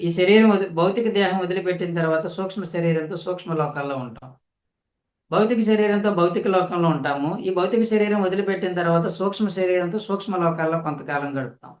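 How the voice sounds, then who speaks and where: A man leads a spiritual discourse as the teacher. His voice sits a little high, and he speaks straight to his listeners, repeating phrases to drive each point home. The recording carries a noticeable room echo. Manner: explains slowly with repetition; addresses listeners directly.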